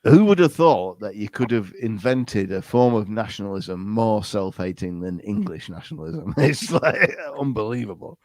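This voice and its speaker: A man's voice: fairly low pitch, lively intonation, moderate pace, hardly any pauses, darkish tone, no echo. A man hosting a podcast, talking in a casual, rambling way with lots of restarts and hesitations. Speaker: podcast host. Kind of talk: casual chat.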